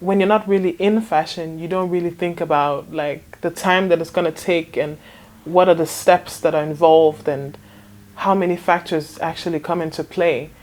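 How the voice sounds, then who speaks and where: A woman's voice: on the low side, steady tone, normal speed, hardly any pauses, darkish tone. Hesitant young woman in her twenties. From Denmark. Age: 20s. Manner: hesitant, many ums and restarts, laughs often. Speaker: interview guest, fashion designer. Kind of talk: casual interview answers.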